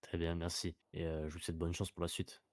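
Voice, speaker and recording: Low-voiced male interviewer, halting delivery. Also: completely flat delivery, no room sound. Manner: polite, hesitant, halting questions. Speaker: interviewer, host. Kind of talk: role-play news interview.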